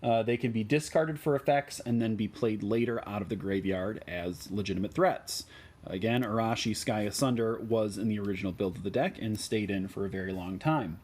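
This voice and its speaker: A man with a Midwestern American accent explains card choices for a deck in a relaxed way, with many ums and uhs. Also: fairly low pitch, fairly quick. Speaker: deck tech host.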